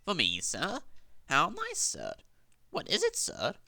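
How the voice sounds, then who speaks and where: A man's voice: high voice, huge pitch swings, takes it slowly, vocal fry, bright, forceful tone, voice pushed up, heavily acted. A man voicing a cheerful, polite young male engine in a storybook reading, chatty and earnest. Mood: eager.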